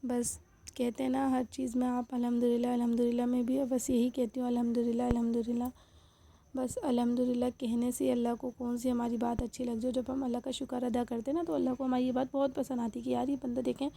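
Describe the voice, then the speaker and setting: A young woman's voice, a touch high and pitched fairly flat, with a gravelly creak running through it. She talks in a chatty home-vlog way, turning often to speak straight to her viewers, with a mellow, unhurried tone. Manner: chatty, addresses viewers directly. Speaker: housewife vlogger. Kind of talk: casual home vlog chat.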